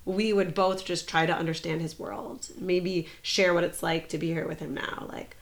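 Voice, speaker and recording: A woman with a fairly low voice speaks as a guest in a casual interview. She thinks out loud and circles around her ideas. Her talk is loose and full of filler words. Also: fairly even intonation, normal speed, gravelly. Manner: reflective, thinks aloud with frequent fillers. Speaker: podcast guest.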